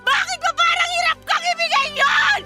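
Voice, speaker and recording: Brief: a desperate, meek mother in a radio play; high-pitched and apologetic. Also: normal speed, soft background music. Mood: sobbing fury. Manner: meek and apologetic, then crying and shouting. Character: desperate mother working as assistant, pleading. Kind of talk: radio drama acting.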